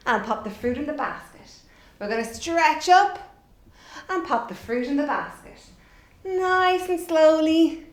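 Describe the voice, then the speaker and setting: A middle-aged woman with a high, fairly bright voice presents a children's theatre workshop, giving simple explanations and encouraging guidance. The instructional video has her leading warm-up exercises. She recorded indoors in a bare home room with noticeable echo.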